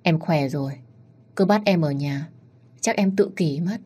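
Storybook figure, cheerful young wife, read by a woman, eager chatter, husky tone. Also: deep voice, a little slow, warm tone. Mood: pleading.

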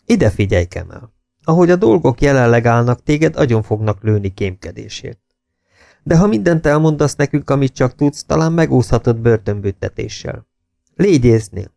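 A man voicing a calm army major who questions a prisoner in a measured way. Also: medium pitch, creaky, no room sound, clean studio sound. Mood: cool. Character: cool, patient British army major interrogating.

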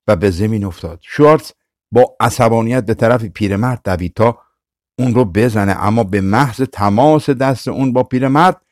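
Low-voiced man telling a fairy tale. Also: darkish tone, no echo, clean studio sound. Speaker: audiobook narrator. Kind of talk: storytelling narration.

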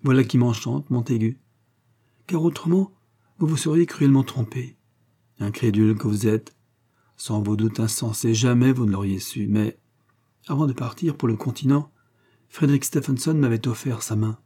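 A man reading aloud, voicing a lively, teasing young woman with a slightly raised pitch. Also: normal speed, husky.

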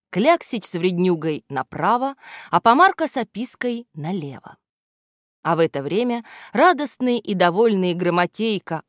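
A woman narrating a children's storybook in a measured, expressive way. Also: fairly low pitch, dry recording, clean studio sound. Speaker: audiobook narrator.

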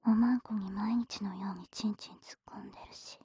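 A woman playing a lazy, indulgent older sister in a whispered role-play, speaking drowsy, intimate pillow talk in a breathy, languid, casual way. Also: mid-range voice, fairly even intonation, brisk, dark tone, no echo, clean studio sound. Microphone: close microphone, dry sound.

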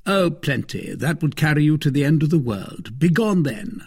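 A commanding old captain of musketeers speaks with brisk, fatherly authority, as a man reading a novel aloud puts him on. His husky voice rises and falls in a lively way. He sounds like a storybook patriarch giving orders. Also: a little high, no room sound, studio quality, pitched above the performer's own voice, exaggerated voice. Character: stately older male captain of musketeers, commanding.

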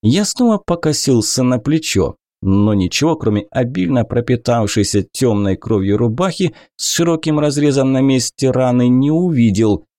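A man narrating an adventure audiobook in the first person, expressive and acting out the hero's panic. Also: mid-range voice, moderate pace, hardly any pauses, no echo, studio quality.

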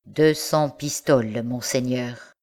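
A woman's voice: extremely low pitch, sing-song, takes it slowly, a little mellow, slightly rough, heavily acted. A woman voicing an obsessive old male bookseller who stammers, pleads and turns feverish over his manuscripts. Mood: fretful.

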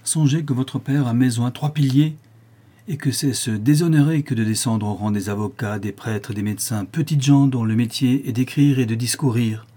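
A man's voice: mid-range voice, normal speed, warm tone, slightly rough, lightly acted. A man voicing a proud, domineering count of seventy-three who speaks in a solemn, dry and harsh tone. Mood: haughty.

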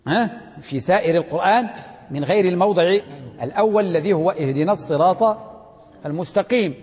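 A man's voice: sits high, a little fast, darkish tone, big-room sound. A man teaching a Quranic readings class, quizzing his students and chanting verses for them to repeat.

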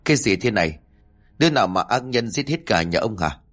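A man voicing a gruff, hot-tempered old grandfather in a spoken ghost story. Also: on the low side, animated, a little fast, a bit bright. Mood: angry.

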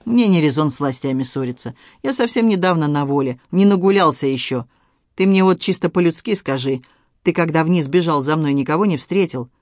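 A man reading an audiobook, voicing a calm, mocking male ex-convict who drawls in criminal slang. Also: fairly high pitch, fairly quick, no echo, clean studio sound, close to an everyday voice. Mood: sly.

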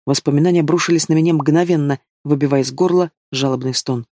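A man reading a first-person story aloud as an audiobook narrator, in steady, even storytelling. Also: on the high side, quick pace, dry recording, clean studio sound. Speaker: audiobook reader.

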